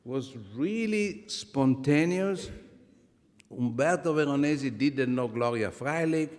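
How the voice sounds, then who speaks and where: An Italian-accented man in his seventies addresses a conference from the podium, his voice at an ordinary middle pitch. He talks animatedly, dropping humorous asides and often stopping to restart a phrase. A long reverb from the large hall trails after his words. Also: expressive, takes it slowly, a little mellow. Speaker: conference speaker. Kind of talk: conference talk.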